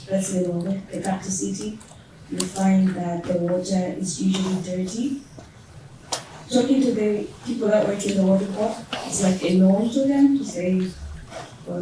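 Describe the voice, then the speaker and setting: A woman speaking up in a workshop discussion, in a thoughtful manner. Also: medium pitch. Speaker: workshop participant. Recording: echoey room, distant mic, background noise.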